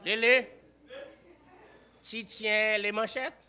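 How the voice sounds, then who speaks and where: A man's voice: sits high, steady tone, very slow, sharp tone, full character voice. A man with a Haitian accent playing a playful, teasing debate moderator in a comedy sketch. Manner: playful, teasing, mixes French and Creole. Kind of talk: improvised comic debate sketch.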